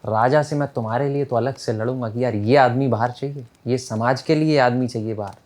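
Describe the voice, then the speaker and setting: A man voicing a smooth-talking male royal envoy who coaxes prisoners in a casual, friendly way. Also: mid-range voice, brisk, darkish tone, lightly acted. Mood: coaxing. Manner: coaxing, casual, calls people friend.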